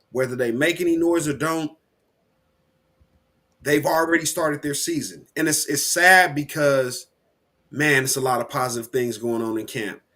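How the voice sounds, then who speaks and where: A man co-hosting a casual sports podcast, animated and rambling, with slang and frequent restarts. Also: mid-range voice. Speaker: podcast co-host.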